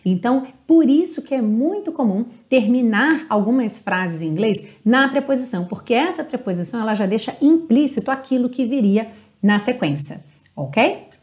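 A Brazilian woman teaching English online, explaining patiently and drawing out example words slowly. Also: a little high, animated, a little mellow. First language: Portuguese. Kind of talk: online English lesson on song lyrics.

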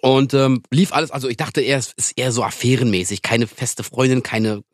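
A man co-hosting a casual podcast chat, telling stories in an animated way and laughing often. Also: medium pitch, brisk, dry recording, clean studio sound. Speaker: podcast co-host.

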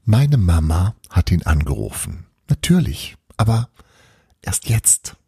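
A man's voice: low voice, sing-song, takes it slowly, vocal fry, warm tone, husky, no room sound, studio quality, exaggerated voice. A man voicing a sheepish young witch woman who speaks hesitantly, with a wavering voice.

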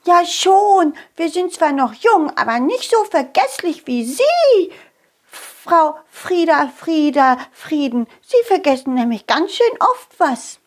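Brief: squeaky little fairy kids, cheeky and nosy, storybook reading, done by a woman, very high and lively. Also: slow pace, exaggerated voice. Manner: squeaky, excited, teasing.

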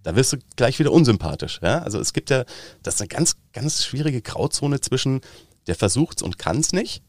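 A man from Upper Bavaria with a Bavarian accent, an actor chatting as an interview guest and telling lively anecdotes with quick dialect impressions. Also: mid-range voice, no echo. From Upper Bavaria, Germany. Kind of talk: casual interview chat.

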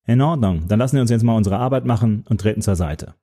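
Man playing a cocky young fireman, teasing, a bit higher, dark husky tone. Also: fast. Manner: breezy, teasing. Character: cocky young male firefighter.

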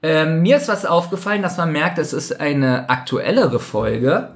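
A man's voice: a little high, animated, measured pace. A man co-hosting a casual podcast, picking over details of an episode with some hesitation. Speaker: podcast co-host. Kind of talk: casual chat recapping an audio drama.

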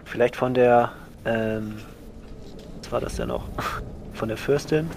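Mid-pitched man playing tabletop role-play. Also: slow, a little mellow, a little hiss or hum.

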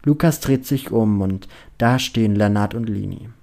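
A man narrating a story in an expressive storytelling manner. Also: lowish voice, normal speed, creaky. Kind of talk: story reading.

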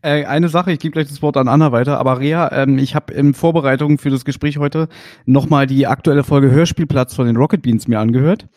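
A man in his forties from West Berlin, hosting a podcast interview in a friendly, slightly halting way. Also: mid-range voice, steady tone, darkish tone, no room sound, studio quality. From West Berlin, Germany. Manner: friendly, a bit halting with fillers. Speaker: podcast host. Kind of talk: casual interview chat.

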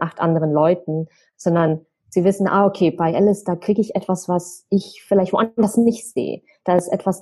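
Mellow husky-voiced woman blogger. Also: lowish voice. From Germany. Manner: lively, thinks aloud with fillers and restarts. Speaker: travel blogger guest. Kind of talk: casual podcast conversation.

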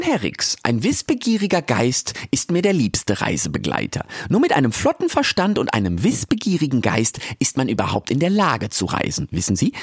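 A man's voice: mid-range voice, breathy edge, dry recording, studio quality, voice pushed up, heavily acted. A man voicing a polite, prim older female meerkat who lectures courteously, in an audiobook. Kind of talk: audiobook character voice.

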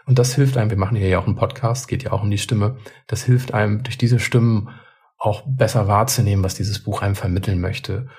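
A podcast co-host talks through his thoughts in a casual, reflective way, often restarting and repeating words. His voice is lowish, steady, brisk, darkish and husky.

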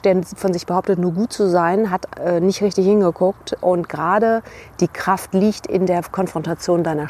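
A woman's voice: on the low side, darkish tone, slight background noise. A woman giving a motivational talk to camera outdoors by a river, speaking reflectively to the viewer as a leadership coach and checking in with short tag questions.

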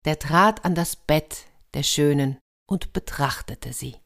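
A woman telling a fairy tale aloud in a lively way, with chatty asides to the listeners. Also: deep voice, slow, creaky. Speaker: storyteller.

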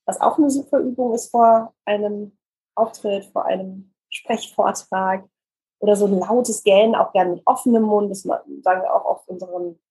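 A woman who works as a voice coach and news presenter, calmly explaining speaking exercises in an interview. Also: medium pitch, moderate pace, slightly rough, poor audio. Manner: calm, explanatory, demonstrates exercises.

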